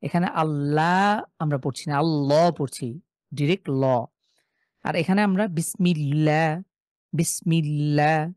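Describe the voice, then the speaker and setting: A man teaching a live online class on Quran recitation rules, explaining each rule and then reciting examples slowly and drawn out. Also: on the high side, darkish tone, no room sound, studio quality. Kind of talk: online tajweed lesson.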